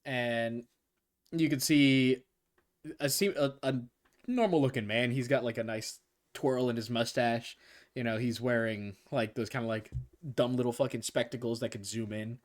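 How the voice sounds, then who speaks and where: A man's voice: mid-range voice, steady tone, moderate pace. A young man running a tabletop game as game master, narrating loosely with fillers and chuckles.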